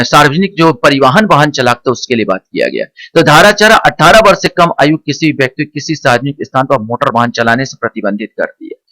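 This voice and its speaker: A male teacher giving an exam-prep lecture, explaining slowly and repeating key points as he quizzes the listener. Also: fairly high pitch, fairly bright tone, no echo. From India.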